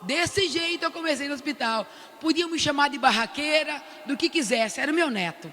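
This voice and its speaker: An older Brazilian woman tells her story at a prayer meeting in a very high, bright voice. She speaks with animation and acts out the lines she quotes. Her voice rings through a large, echoey church hall. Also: lively intonation, brisk. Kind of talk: testimony talk at a prayer meeting. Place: large cathedral.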